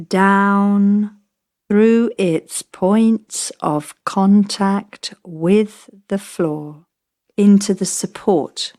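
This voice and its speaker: Speaking at a medium pitch with a touch of mellowness, this woman leads a guided yoga nidra relaxation. Her delivery is calm and measured, with short phrases separated by long silences.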